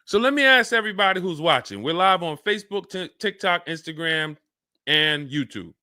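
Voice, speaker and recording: Energetic man hosting a car-buying live stream. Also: fairly high pitch, dry recording, clean studio sound. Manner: energetic, acts out buyers and salesmen in quick asides. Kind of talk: live-stream Q&A, casual and animated.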